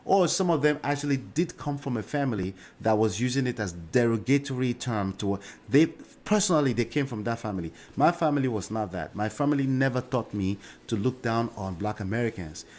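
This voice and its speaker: A Nigerian man whose first language is Yoruba hosts a livestream, reading viewer comments in a Nigerian accent. His mid-range, darkish voice is animated and fairly quick, with hardly any pauses, and he often drops in "uh" and tag questions like "right?".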